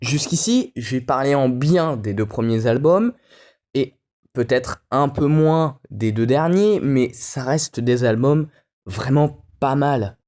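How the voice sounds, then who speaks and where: A man adds a casual spoken aside, his voice mid-pitched and even. He explains plainly, with a hint of annoyance. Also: takes it slowly. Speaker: music reviewer. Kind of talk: casual voice-over correction.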